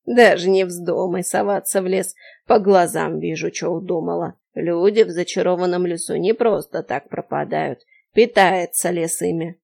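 A woman doing a creaky, slow old shopkeeper woman. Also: on the low side, fairly even intonation, darkish tone. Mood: scolding. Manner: slow, unhurried and dismissive. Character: nosy drowsy old woman shopkeeper, unhurried. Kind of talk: audiobook character voice.

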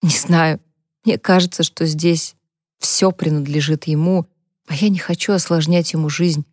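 A woman reader voicing a heartbroken young woman who speaks softly and close to tears. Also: deep voice, fairly even intonation, measured pace, dry recording. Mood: hesitant.

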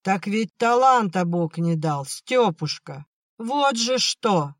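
The audiobook narrator voicing a drunken, bitter old peasant father, raised and slow in delivery, swinging between shouting and tearful self-pity. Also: mid-range voice, no echo, clean studio sound, lightly acted. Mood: maudlin, self-pitying. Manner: shouting then maudlin, slurred. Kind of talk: audiobook acting.

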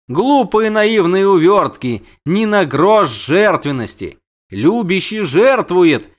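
A man's voice: high-pitched, voice pushed up. A man voicing a haughty, hot-tempered female siren in an audiobook, with a singsong, indignant delivery. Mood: outraged. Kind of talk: audiobook character voice.

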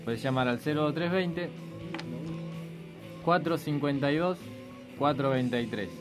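A man's voice: fairly high pitch, unhurried, music in the background. A man in his thirties with a Rioplatense accent, a band member guest on a radio show, playfully coaxing a listener to call. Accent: Rioplatense Spanish. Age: 30s. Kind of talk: casual radio chat.

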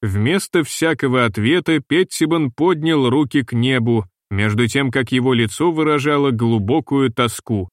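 A man narrating an audiobook in an even, measured reading voice. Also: medium pitch, no room sound, studio quality. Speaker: audiobook reader. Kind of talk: scripted narration.

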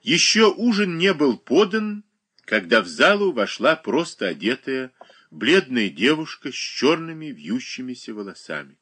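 A man's voice: on the high side, fairly bright tone, breathy edge. A man narrating a novel aloud, reading expressively and varying his voice for the dialogue. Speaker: audiobook reader.

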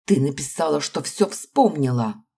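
A woman reading the part of a jealous, furious young woman who hisses through her teeth and breaks into shouts. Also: low voice, lively intonation, normal speed, vocal fry, slightly rough, exaggerated voice. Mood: bitter.

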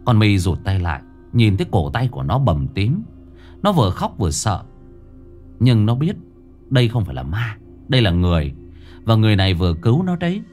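A man narrating a ghost story in a lively, animated storytelling manner. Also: fairly low pitch, brisk, faint music behind.

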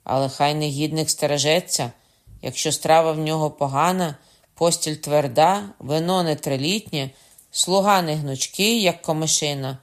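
An audiobook reader voicing a hot-tempered young nobleman who shouts and threatens. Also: medium pitch, moderate pace, lightly acted. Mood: indignant shouting. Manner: loud, shouting and indignant. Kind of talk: audiobook character voice.

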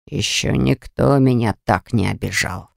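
A narrator voicing a pompous, boastful older rich man who talks down to people, in a slow, lowered, gravelly voice. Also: fairly even intonation, dry recording, clean studio sound. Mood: offended. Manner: boastful, patronizing. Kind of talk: audiobook character voice.

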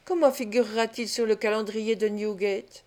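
A woman reading an audiobook voices an excitable young male pickpocket who laments and boasts. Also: medium pitch, normal speed, natural voice. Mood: mournful.

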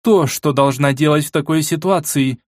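A man's voice: a little high, moderate pace, no room sound, clean studio sound, pitched above the performer's own voice, lightly acted. A man voicing a cold, iron-willed middle-aged queen who speaks sternly and with command. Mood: icy resolve.

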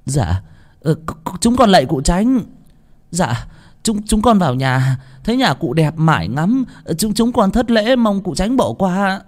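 A man's voice: high voice, sing-song, a little slow, voice pushed up. A man voicing humble village laborers who sound awed and stammer fawningly.

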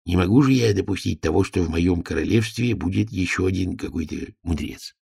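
Guy doing a pompous dim king, low and dry, quiet musing. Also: fairly quick, creaky, slightly rough, no echo, exaggerated voice. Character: pompous, slow-witted king.

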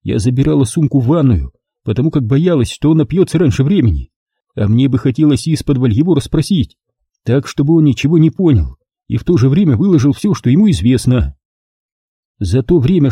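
A man reading a first-person story aloud, expressive and lively. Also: medium pitch, fairly quick, breathy edge, dry recording, studio quality. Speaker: audiobook reader. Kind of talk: first-person audiobook narration.

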